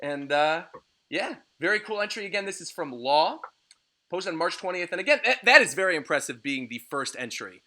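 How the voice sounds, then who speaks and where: A man's voice: fairly high pitch, animated, brisk, bright, forceful tone. A man in his late twenties hosting a casual livestream chat, upbeat and laughing often as he reads out viewer entries. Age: 20s. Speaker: host.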